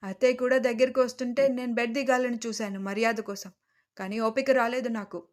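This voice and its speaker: A woman's voice: fairly high pitch, fairly even intonation, brisk. A woman narrating a first-person audio story with emotion, turning to speak directly to her listeners.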